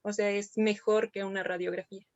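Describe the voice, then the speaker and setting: A woman's voice: medium pitch, little pitch movement, a little fast, a little mellow, no echo. Methodical woman student on a dull line. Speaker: medical student. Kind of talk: class answer. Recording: dry, dull lo-fi call audio.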